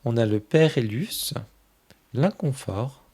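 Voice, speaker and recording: Slow, soft-spoken man leafing through cards. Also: medium pitch, expressive, breathy edge. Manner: gushes fondly over each card. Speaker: tarot channel host. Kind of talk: casual oracle deck flip-through.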